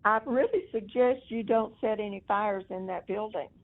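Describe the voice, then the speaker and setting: A prank call target, this woman argues on the phone, sternly lecturing and scolding the caller at a moderate pace in a medium-pitched voice. The audio sounds tinny, as heard over a phone line.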